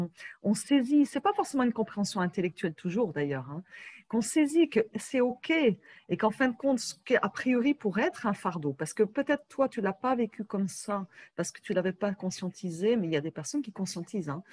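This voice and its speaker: A woman's voice: medium pitch, darkish tone, no echo. A woman hosting a casual interview, encouraging and talkative with her guest. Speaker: interview host.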